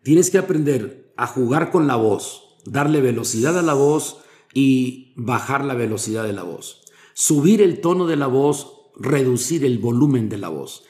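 Male preacher guest, instructive and measured, dark relaxed timbre. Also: medium pitch. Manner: teaching, explains with Bible quotes and examples. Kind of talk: conversational interview about preaching.

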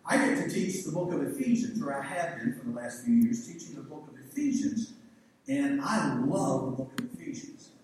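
A Southern-accented man in his sixties, originally from the southern US, preaches in a church hall, folksy, joking and rambling. His voice is on the high side, expressive and darkish in tone at normal speed, heard through a distant, echoey hall mic.

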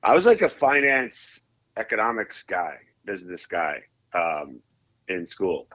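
Speaking a little slowly, a young Canadian-born comedian rambles through a casual interview, restarting often and leaning on fillers. His voice sits low, is very animated and a bit bright.

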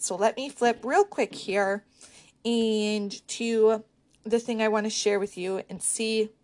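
A woman with a somewhat high voice talks casually about books as a vlogger. She hesitates often and fills the gaps with ums before picking her thread back up. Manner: hesitant, with frequent ums and restarts. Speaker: book vlogger. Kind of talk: casual book chat.

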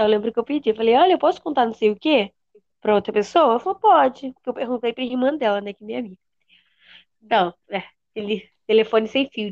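A young woman, telling embarrassing stories in animated casual chat and acting out the quotes. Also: on the high side, no echo. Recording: dull lo-fi dry sound.

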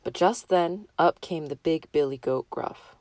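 Slow, low-voiced woman reading a fairy tale. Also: darkish tone, dry recording. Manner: measured, deliberate. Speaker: storyteller. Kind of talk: scripted fairy-tale narration.

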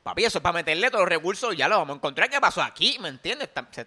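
Man, young adult, Puerto Rican accent, very high voice, very bright tone, casual heated rant. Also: big pitch swings, rapid-fire. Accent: Puerto Rican Spanish. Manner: heated, rambling, constant swearing. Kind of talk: casual chat.

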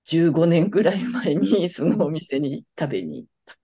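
A woman co-hosting a podcast, telling anecdotes in an unhurried, casual way. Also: deep voice, sing-song, crowd noise. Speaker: podcast co-host. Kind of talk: casual chat.

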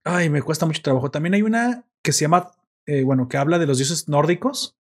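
Animated, opinionated man chatting. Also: on the high side, a little fast. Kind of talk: casual chat.

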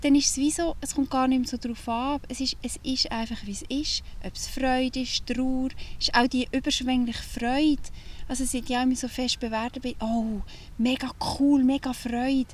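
A woman's voice: high voice, little pitch movement, normal speed. A woman with a Swiss German accent hosting a podcast, talking casually and vividly from inside an old camper van, often restarting her sentences as she searches for words. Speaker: podcast host. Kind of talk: casual chat.

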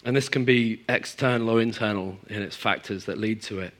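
A man preaching a sermon to a congregation, moving between emphatic high passages and quiet, low stretches. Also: brisk. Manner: animated, swings from emphatic highs to quiet low asides. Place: church hall in front of a congregation.

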